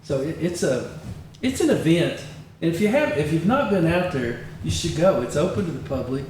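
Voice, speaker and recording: A man's voice: fairly high pitch, moderate pace. An older man, a retired county attorney, telling long rambling anecdotes as an interview guest. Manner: rambling anecdotal storyteller, animated. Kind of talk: casual interview chat. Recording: echoey room, distant mic, faint noise.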